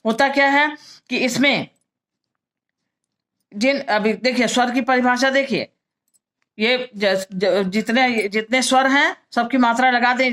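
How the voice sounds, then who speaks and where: A woman's voice: a little high, fairly bright tone. A woman teacher explaining grammar patiently, repeating points and checking in with her listeners. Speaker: Sanskrit teacher.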